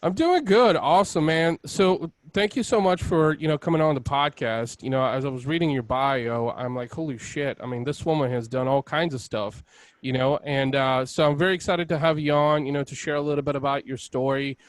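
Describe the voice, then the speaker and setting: A man's voice: on the high side, a little fast, no echo. A man from Bulgaria hosting a podcast, chatting casually and rambling with many "you know"s. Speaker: podcast host. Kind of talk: casual interview chat.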